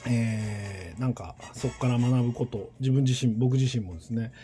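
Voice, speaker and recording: A man in his forties with a warm, mellow voice and a middle pitch talks through his thoughts, pausing often and hunting for words. His standard Japanese carries a light Kansai tinge. Faint music plays under him. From western Tokyo. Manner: rambling, thinking aloud with many pauses. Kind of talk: casual solo monologue.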